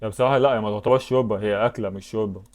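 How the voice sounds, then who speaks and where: A man's voice: on the low side, fairly even intonation, racing. A man with an Egyptian Arabic accent giving casual commentary while playing web games, thinking aloud and breaking into sudden exclamations. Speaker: YouTuber.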